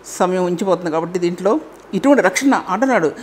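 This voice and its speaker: A woman's voice: on the low side, expressive, fast, darkish tone, a little hiss or hum. A woman preaching a sermon and closing in prayer, earnest and repeating key phrases for emphasis.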